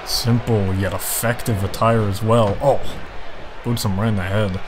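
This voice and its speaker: A man's voice: on the low side, steady tone, moderate pace, noisy background. A man giving live play-by-play wrestling commentary in a dramatic, exclamatory way, with emphatic reactions.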